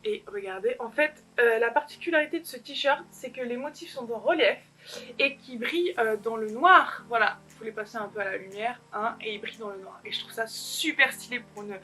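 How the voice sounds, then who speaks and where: This young woman, alone at home, makes a casual haul video, chatting to the camera with giggles, tangents, and self-mockery. Her voice runs on the high side, brisk, bright, and forceful.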